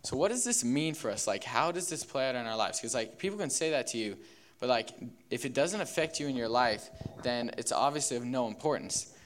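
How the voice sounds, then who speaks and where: A man's voice: medium pitch, fairly quick. Casual young man giving a sermon. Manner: relaxed, filler-heavy, acts out characters in a parable. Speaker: youth speaker.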